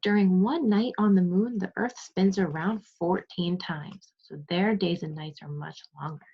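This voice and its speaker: In a dull lo-fi recording, a woman who teaches second grade reads to young kids, pausing to explain, quiz them, and offer praise. She speaks a little slowly in a lowish voice with a breathy edge.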